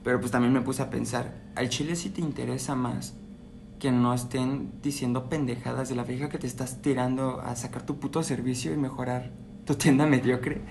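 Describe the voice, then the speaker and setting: A young man with a Mexican accent chats loosely on a podcast, his voice gravelly with vocal fry. He talks in crude slang and laughs easily. The recording carries a clear layer of background noise. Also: medium pitch, steady tone, normal speed. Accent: Mexican Spanish. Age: 20s. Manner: slangy, profane, laughs often. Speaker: podcast co-host. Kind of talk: casual chat.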